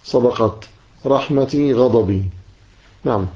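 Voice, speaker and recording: A man's voice: medium pitch, slow pace, warm tone. Guy teaching a class through a text, keeps saying yes after each point, dull lo-fi sound. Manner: repeats key words, punctuates with "yes". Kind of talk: explaining a text line by line in a lesson. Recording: dull lo-fi recording.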